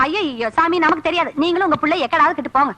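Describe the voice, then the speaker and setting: A woman's voice: sits high, fast talker, rough recording. An actress playing a strict mother who nags and scolds her young son in a film comedy scene. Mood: exasperated. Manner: sharp, nagging and scolding.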